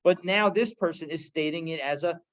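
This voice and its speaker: A man teaches a daily Talmud class, reading Aramaic phrases aloud and explaining them line by line. His voice sits a little high, and he talks casually with many restarts and fillers. The recording sounds dull and lo-fi. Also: fairly quick, a bit bright.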